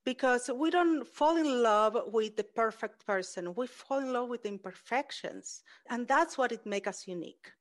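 A woman's voice: a little high, normal speed, few pauses. A woman hosting an interview, English is not her first language, speaking in an earnest, reflective way. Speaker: host. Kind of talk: interview conversation.

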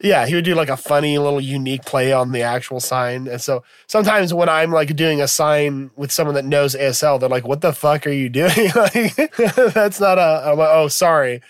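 A man's voice: a little high, normal speed, few pauses, clear, resonant tone, no room sound, studio quality. A man co-hosting a podcast, chatting casually with a teasing, laughing manner. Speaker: podcast co-host.

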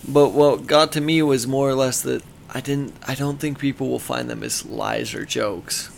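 A man's voice: mid-range voice, moderate pace, creaky, a little hiss or hum. A tipsy man co-hosting a casual podcast, rambling, swearing and stumbling over his words. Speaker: podcast co-host. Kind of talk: casual chat.

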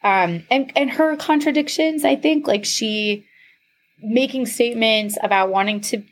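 A woman's voice: fairly high pitch, measured pace. A woman co-hosting a podcast in casual chat, rambling with fillers, swearing and laughing often. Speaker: podcast co-host.

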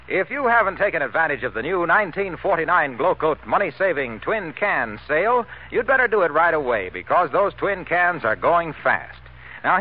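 High, lively American radio announcer, 1940s. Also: male voice, slightly rough, phone-quality sound. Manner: emphatic, polished salesmanship. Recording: old band-limited 1940s radio recording.

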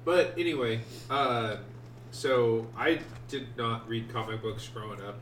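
A man's voice: medium pitch, a little slow, fairly bright tone. A man with a stuffy, congested nose telling personal stories in a casual, joking, rambling group chat. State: congested from allergies. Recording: roomy echo, distant mic, faint noise.

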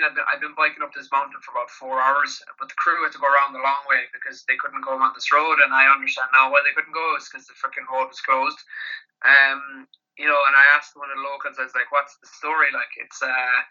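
An Irishman with a Kerry accent talks in a very bright, forceful voice that stays fairly level in pitch. He tells anecdotes in a loose, informal, rambling way, as a guest in an interview. The recording is dull and lo-fi. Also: little pitch movement, fast. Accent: Irish, County Kerry. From Ireland. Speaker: interview guest, endurance athlete. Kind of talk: casual anecdotal interview talk.

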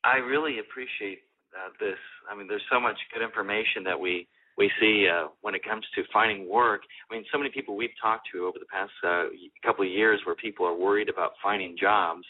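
A man hosting a radio talk show, conversational and a bit halting. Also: lowish voice, steady tone. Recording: lo-fi radio broadcast.

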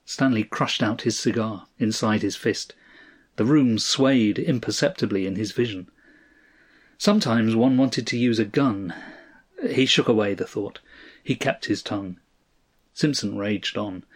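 A man narrating a story in a measured, even storytelling delivery. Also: fairly low pitch. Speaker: audiobook narrator.

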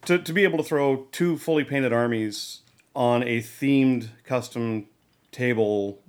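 A man co-hosting a casual podcast chat, talking in a measured, meandering way. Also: mid-range voice, smooth. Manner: measured, many fillers and restarts. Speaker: podcast co-host.

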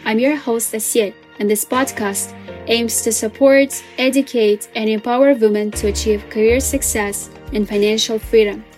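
A woman's voice: a little high, steady tone, normal speed, darkish tone, soft background music. A woman hosting a podcast, reading a scripted intro and asking interview questions in an upbeat, effusive way. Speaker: podcast host.

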